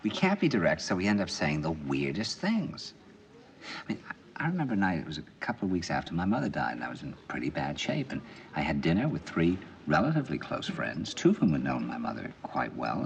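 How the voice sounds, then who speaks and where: A man's voice: a bass voice, big pitch swings, brisk, gravelly, slight background noise, exaggerated voice. An actor playing an intense middle-aged man confiding over dinner in earnest, probing film dialogue. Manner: earnest, probing, builds to emphatic bursts.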